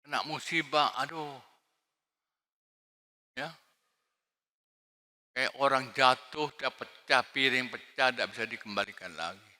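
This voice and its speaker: A male pastor preaching a sermon, swinging between shouted emphasis and quiet asides. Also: mid-range voice, a little slow, pauses often. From Indonesia. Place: large church hall. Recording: long hall reverb.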